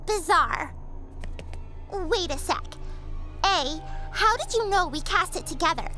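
Chatty cartoon troll girl, quirky, teenage, extremely high, bright, slow-paced. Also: expressive, soft background music, full character voice. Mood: baffled. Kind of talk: animated cartoon dialogue.

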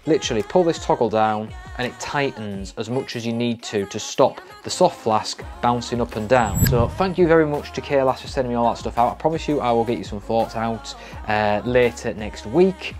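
Young British man, medium-pitched, casual reviewer. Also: expressive, moderate pace, darkish tone, faint music behind. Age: young adult. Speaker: trail running vlogger. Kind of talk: casual gear review to camera. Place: small home office room.

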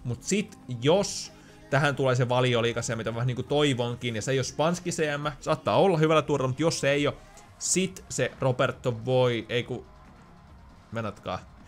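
A man's voice: medium pitch, soft background music. A man giving casual gameplay commentary, thinking aloud with chatty, joking asides. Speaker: gaming YouTuber.

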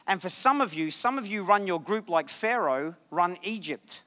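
A man preaching a lively sermon, his voice high and bright as he jokes with the congregation and shouts key points. The sound carries the long reverb of a church sanctuary. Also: moderate pace. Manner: animated, jokey, shouts for emphasis. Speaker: guest preacher.

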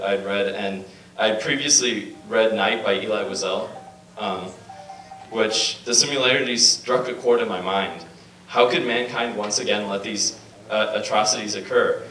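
A man's voice: lowish voice, a bit bright. Young man speaking earnestly in echoey hall. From Bosnia. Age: young adult. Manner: earnest, with hesitant restarts and fillers. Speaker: student speaker. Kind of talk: prepared speech read at a podium. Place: lecture hall. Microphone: handheld mic, filmed from far. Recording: echoey hall, far from camera mic, faint hum.

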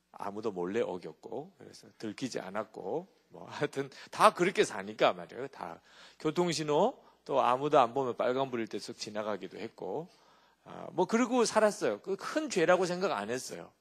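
A man preaches a sermon with a middle-pitched voice that rises and falls widely as he tells stories. He keeps turning to his congregation with quick rhetorical questions. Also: vocal fry. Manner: animated storytelling with rhetorical check-ins to the congregation. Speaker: pastor.

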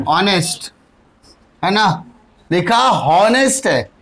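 Man, Indian accent, grammar teacher, high voice, unhurried, playful, Hindi-English mix. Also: fairly bright tone. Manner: spells out letters and words slowly, one at a time.

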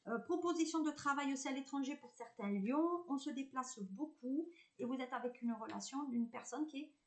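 Woman medium, southern French accent, fairly high voice; chats and reassures viewers through a live card reading, halting often. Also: a little mellow. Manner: chatty and reassuring, hesitant with many fillers. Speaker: medium giving a tarot reading.

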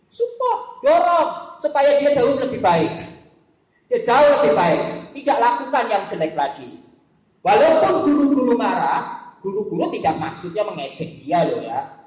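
A woman preaching at a school worship service, often asking her listeners questions. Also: medium pitch. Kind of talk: sermon to students. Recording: echoey room.

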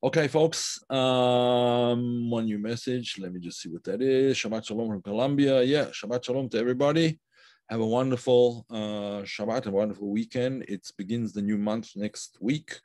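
A man teaching a live online class, unhurried and thinking aloud with many fillers and restarts, stopping to praise viewers' comments. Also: medium pitch, a little mellow, no room sound. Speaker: Kabbalah teacher.

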